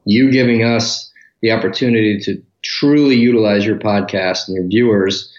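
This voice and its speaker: Relaxed, candid male guest from Detroit; low voice, echoey, slightly muffled home-office audio. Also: normal speed. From Detroit, Michigan, US. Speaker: podcast guest. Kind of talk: casual interview talk. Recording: roomy, dull remote audio.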